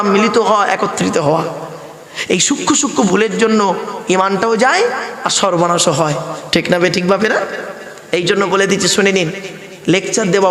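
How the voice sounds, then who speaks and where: A man's voice: high-pitched, fairly bright tone. A man preaching a waz sermon to a gathering, often asking the crowd questions. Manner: call-and-response, rhetorical questions. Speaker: Islamic preacher. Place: outdoor sermon pandal over loudspeakers. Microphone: handheld PA microphone. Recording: echoey hall, long reverb.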